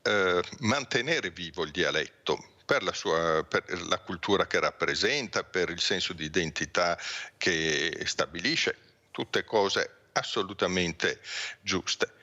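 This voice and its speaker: A male linguistics professor, a guest on a morning television show, giving a measured, explanatory commentary full of reasoned asides. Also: deep voice, animated, sharp tone, muffled recording.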